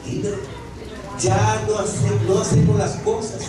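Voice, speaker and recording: A man's voice: high-pitched, flat delivery, slow, over music. A male pastor preaching a sermon. He reads scripture aloud and asks the congregation rhetorical questions that he answers himself. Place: church sanctuary. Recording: very echoey hall, distant mic.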